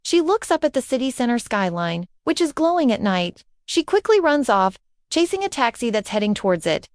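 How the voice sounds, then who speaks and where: Woman reading a story aloud, high pitch, dry close sound. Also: big pitch swings, moderate pace, no room sound. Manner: reads every part and cue aloud. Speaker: narrator. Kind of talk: scripted storybook narration.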